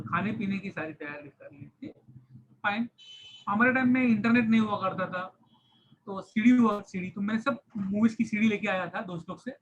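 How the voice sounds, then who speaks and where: Man, 30s, science teacher, animated storytelling, mixes in English phrases, acts out groans. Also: high voice, slightly rough, lo-fi sound. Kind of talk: storytelling aside in a class.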